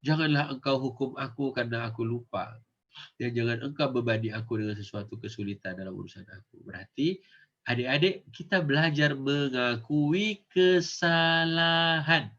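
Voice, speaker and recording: A man's voice: medium pitch, normal speed, fairly bright tone, lo-fi sound. A man teaching children, speaking casually and asking them questions that he then answers himself. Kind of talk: casual lesson for kids.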